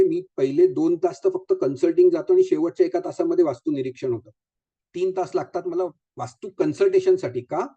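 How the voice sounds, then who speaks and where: Man with a dark, dull-sounding voice. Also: fairly high pitch, breathy edge. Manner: conversational, mixes English phrases, asks rhetorical questions. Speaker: vastu consultant. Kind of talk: live talk to an audience.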